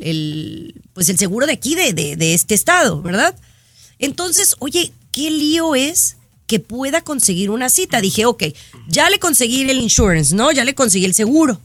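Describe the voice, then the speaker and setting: A woman hosting a casual chat show, telling stories in an animated, exasperated way. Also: a little high, normal speed, dry recording. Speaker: show host. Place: in Florida.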